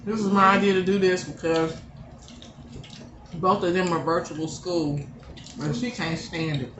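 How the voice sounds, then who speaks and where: A woman's voice: fairly low pitch, a little slow, dull audio. A middle-aged woman hosting a casual eating chat with her daughters, blunt and joking in an outspoken way. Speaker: mother and channel host. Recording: echoey room with steady background noise.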